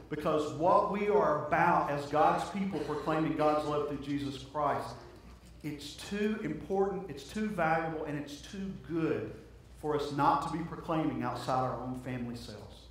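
A man with a high voice preaches a sermon, earnest and conversational, leaning on repetition to drive each point home. The sound comes from a distance in a big, strongly echoing church, with a faint hiss behind it. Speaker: pastor. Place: church sanctuary. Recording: very echoey church, heard from a distance.

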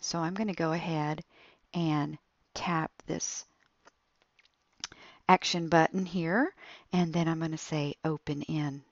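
A woman with a low voice talks slowly through a tablet app tutorial, explaining each step. The recording is dull and dry, with soft tapping clicks behind her. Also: fairly even intonation, no echo.

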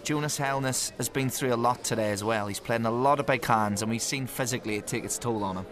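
A man giving live poker commentary, lively, jokey and emphatic. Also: mid-range voice, fast. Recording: crowd noise in the venue. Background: crowd noise.

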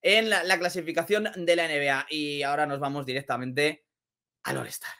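Excitable Spanish man with a bright voice. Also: a little high, fairly quick. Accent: Spain Spanish. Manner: energetic, exclamatory, repeats phrases. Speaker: basketball vlogger. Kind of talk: casual basketball commentary.

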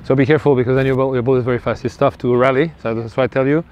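A man coaching a tennis player on court, giving short instructions and quick bursts of encouragement. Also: mid-range voice, steady tone. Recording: dull lo-fi sound, faint outdoor noise.

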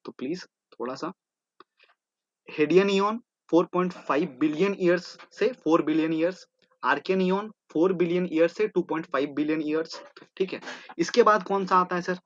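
Male tutor, exam-prep lecture, asks and answers himself, slightly high-pitched, dull lo-fi recording. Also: normal speed. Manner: repetitive, drilling terms, asking and answering his own questions. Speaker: teacher. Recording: dull lo-fi sound.

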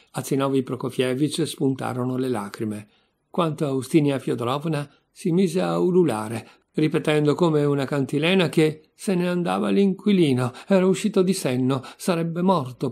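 A man reading a classic story aloud in a measured, expressive narration. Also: a little high, creaky. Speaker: audiobook reader.

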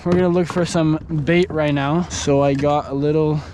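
Young man with a fairly high voice, explaining his gear step by step in a relaxed way while fishing at sea. An action camera picks him up outdoors, with faint water and wind noise behind him. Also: normal speed. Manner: relaxed, instructional, talks while handling gear. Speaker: fishing vlogger. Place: kayak on open ocean, outdoors. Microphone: action camera on a mount.

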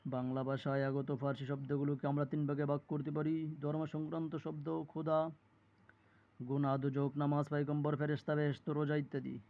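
Male tutor, somewhat high voice, reads word lists for exam prep. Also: monotone, narrow, tinny audio. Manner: reads lists of words slowly, with small self-corrections. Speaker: teacher. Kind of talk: reading and explaining a word list for exam study.

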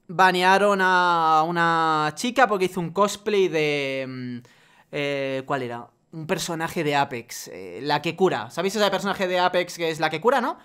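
A man ranting in a vlog monologue, profane and exasperated, swinging from loud outbursts to low muttering. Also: clean tone. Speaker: YouTuber.

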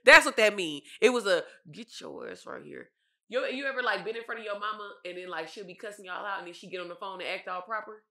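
A woman's voice: mid-range voice, fast talker, few pauses. A woman co-hosting a casual podcast, telling blunt, slangy stories with frequent laughter. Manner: animated storyteller, laughs often, slangy and blunt. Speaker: podcast co-host. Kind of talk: casual chat.

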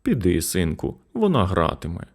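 A man's voice: low-pitched, huge pitch swings, normal speed, breathy edge, full character voice. A man voicing a weary, ill mother speaking faintly in a children's story. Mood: weak. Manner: weak, faint voice. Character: sick, weary mother, tender. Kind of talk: storybook narration.

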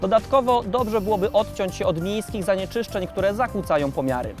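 A man in his thirties presenting a science video, explaining things in clear scripted narration. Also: high voice, animated, brisk, darkish tone. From Poland. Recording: music bed under the voice.

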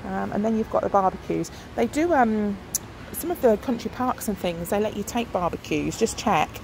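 A middle-aged woman with a mid-range, slightly mellow voice, vocal fry and lively intonation speaks at a moderate pace. As a shopping vlogger, she films the aisles of a big discount shop on her phone, chatting casually and thinking aloud with lots of ums over noisy shop ambience.

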